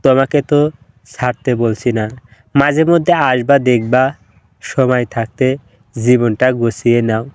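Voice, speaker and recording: A man's voice: mid-range voice, steady tone, measured pace, pauses often, a little mellow, clear, resonant tone, dry recording, natural voice. A man voicing a pushy village matchmaker woman. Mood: insistent. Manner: insistent, lecturing.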